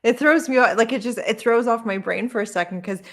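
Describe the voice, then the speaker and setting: A woman's voice: fairly high pitch, brisk. A woman co-hosting a casual podcast chat, talking in an emphatic, chatty way that sometimes trails off. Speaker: podcast co-host. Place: lives in Canada.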